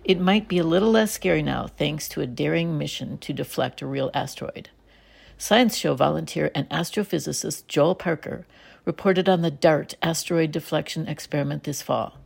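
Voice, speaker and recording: A low-voiced American woman delivers scripted science news as a radio host. Her voice is heavy with vocal fry and rough around the edges, with a husky finish. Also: normal speed, darkish tone. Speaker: science show host and volunteer reporter.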